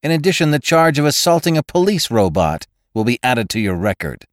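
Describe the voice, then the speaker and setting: A man voicing a stern male police robot that recites charges in a flat, officious way. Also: mid-range voice, a little fast, no echo, clean studio sound, lightly acted.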